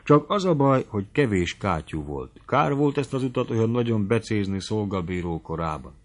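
A man with a low voice narrates a classic novel. His reading is measured and expressive. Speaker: audiobook narrator. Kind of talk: literary narration.

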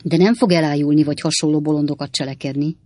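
Sly male traveller, measured, teasing, slightly lowered voice, read by a narrator; dry sound. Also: fairly even intonation, dark tone, no room sound, natural voice. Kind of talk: audiobook reading.

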